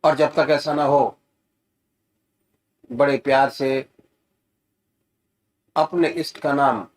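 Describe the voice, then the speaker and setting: A man giving gentle, soothing guided meditation instructions as a spiritual teacher. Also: medium pitch, steady tone. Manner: slow, gentle, soothing guidance with rising emphasis.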